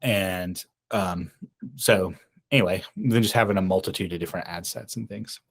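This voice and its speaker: A man's voice: deep voice, moderate pace. A man co-hosting a casual podcast about advertising, rambling with many restarts and fillers. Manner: rambling, many restarts and ums, laughs at himself. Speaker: podcast co-host.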